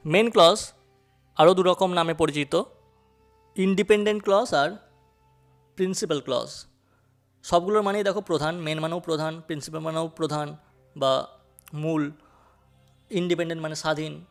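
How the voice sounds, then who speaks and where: A man teaching an English grammar lesson, speaking slowly and repeating key points for his students. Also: fairly high pitch. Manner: addresses students directly, asks them questions.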